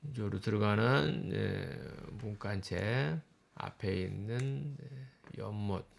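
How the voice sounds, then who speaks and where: A male professor lecturing to a class. His voice is low and gravelly, with a creaky edge. He walks through slides in short explanatory phrases, pointing things out as he goes. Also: slow pace, slight background noise. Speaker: university professor.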